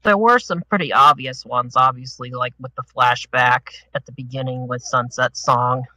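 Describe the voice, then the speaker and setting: Panelist, male, bright forward tone, dry close sound, rambling delivery. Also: medium pitch, normal speed, no echo, rough recording. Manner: rambling, restarts with "the thing is". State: a little out of breath. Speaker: podcast panelist. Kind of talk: casual group discussion.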